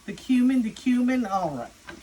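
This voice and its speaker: In her kitchen, a woman with a Cuban accent casually demonstrates a home recipe, guiding viewers step by step and joking with whoever is filming. Her voice is fairly high and mellow with lively intonation at a normal speed. The recording is rough, with slight background noise.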